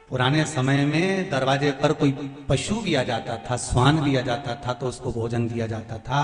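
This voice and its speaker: A man preaching a devotional sermon in a folksy, sing-song storytelling way, swinging between soft asides and loud exhortations. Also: mid-range voice. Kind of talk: devotional sermon to a large gathering. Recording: echoey hall with faint music.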